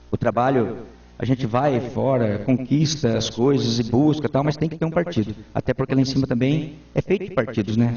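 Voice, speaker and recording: Speaking from a distance in a roomy space, a man in his forties serving as a town councilman gives earnest, formal interview answers. His mid-range voice is dark and mellow, and the recording sounds dull and lo-fi.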